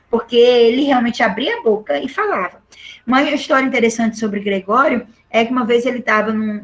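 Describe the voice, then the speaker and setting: A middle-aged Brazilian woman teaching a literature lesson, explaining patiently and often checking in with the class. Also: on the high side. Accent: Brazilian Portuguese.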